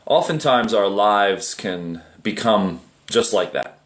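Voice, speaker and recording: A middle-aged man teaching meditation in a relaxed, conversational way, often asking rhetorical questions. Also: lowish voice, slow. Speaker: meditation teacher and group admin. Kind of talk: casual livestream meditation talk.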